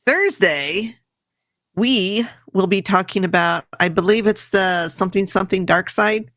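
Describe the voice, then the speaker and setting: A woman's voice: medium pitch, measured pace, fairly bright tone, dry recording, clean studio sound. A woman joining as a guest in a casual livestream chat, chatty and upbeat. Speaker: guest co-host.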